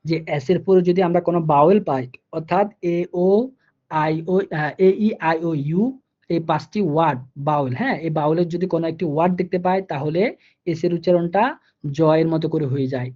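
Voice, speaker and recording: Male tutor with a Bangladeshi Bengali accent, mellow and low in tone, patient and repetitive, slows down on the rules, muffled lo-fi recording. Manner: patient, repeats rules slowly and asks if students follow. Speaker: German language teacher. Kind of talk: online language lesson.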